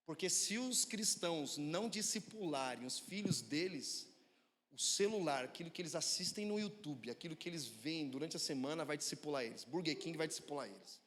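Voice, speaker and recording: A man preaching in a church with a notably high voice, telling stories in a loose, conversational way. He keeps checking that the congregation is following, and his words trail off in a long hall reverb. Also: animated, brisk, a bit bright, a little hiss or hum. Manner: storytelling, conversational, asks the congregation. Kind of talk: sermon.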